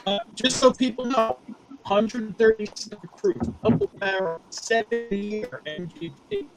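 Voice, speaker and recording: A man's voice: high voice, measured pace, gravelly, over music, poor audio. Guy on a choppy glitchy call, audio garbled and breaking up, just chatting plainly. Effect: garbled, glitchy online-call audio. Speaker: guest on a whiskey show. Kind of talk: casual chat over a video call.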